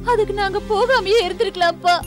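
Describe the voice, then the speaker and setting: Brief: a weepy young daughter, very high voice, music under. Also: female voice, fast talker. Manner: tearful and pleading. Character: tearful young daughter, lovesick. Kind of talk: TV serial acting.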